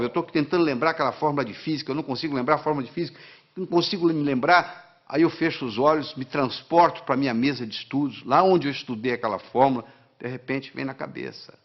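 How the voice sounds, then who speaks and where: A man's voice: mid-range voice, muffled recording. A man gives an instructional talk in an emphatic, didactic way, counting out steps and repeating key phrases. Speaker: guest teaching study techniques.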